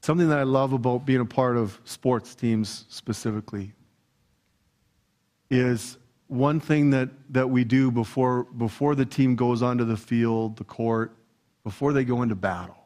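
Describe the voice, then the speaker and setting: A man with a Canadian accent preaching a lively sermon in a church hall, playful and energetic as he talks straight to the congregation. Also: mid-range voice, moderate pace. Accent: Canadian English. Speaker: pastor.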